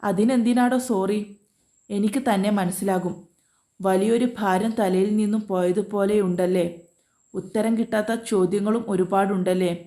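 A woman's voice: mid-range voice, steady tone, moderate pace, mellow, natural voice. A woman reading the lines of a hesitant, earnest young husband in a storybook romance, in her own voice.

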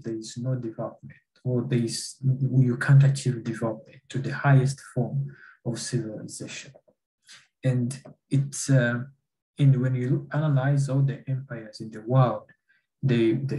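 A young man hosting an online staff orientation over a video call, explaining in a measured way with frequent fillers and repeats. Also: mid-range voice, warm tone, low-quality recording. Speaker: meeting host. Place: small indoor room.

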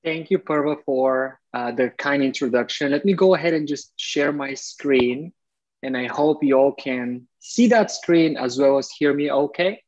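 A man's voice: medium pitch, unhurried, a little mellow, highs cut off. Man from Bulgaria presenting over video call. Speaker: guest speaker.

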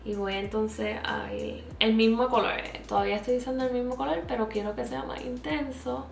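A young Puerto Rican woman, a makeup vlogger with a Puerto Rican Spanish accent, chats while applying makeup in a tutorial, slipping English words into her speech. Her voice is fairly high, gravelly and fairly even at a moderate pace, recorded in a small indoor room with a plain backdrop, roomy sound and faint music behind.

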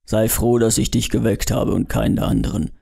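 A man voicing a brisk, bossy male travel companion in an audiobook, talking in a hurried, chiding way. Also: fairly low pitch, steady tone, creaky, dark tone, husky, exaggerated voice. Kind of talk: audiobook character voice.

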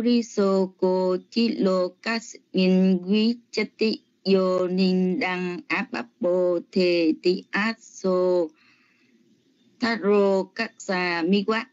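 A woman, reciting and breaking down scripture syllable by syllable in a polite, deliberate way as a student in an online class. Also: lowish voice, darkish tone. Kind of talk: slow syllable-by-syllable Pali chanting and analysis. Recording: muffled online call audio.

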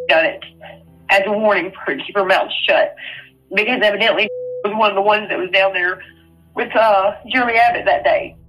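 A woman's voice: mid-range voice, a bit bright, low-quality recording. A middle-aged woman, a mother telling her story in an interview, rambling and often repeating "you know" and "I said.". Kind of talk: casual storytelling.

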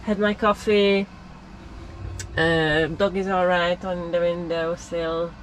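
Woman, 40s, has a cold, slow relaxed vlog chat, lowish voice, lorry cab, dashboard camera. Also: slight background noise. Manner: relaxed, chatty, laughs often, slightly non-native phrasing. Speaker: lorry driver vlogger.

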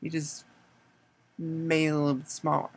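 A man's voice: fairly high pitch, completely flat delivery, moderate pace, poor audio. A man hosting an educational explainer video, speaking plainly and steadily in a General American accent. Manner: plain explanatory delivery, no put-on voices. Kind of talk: explainer monologue.

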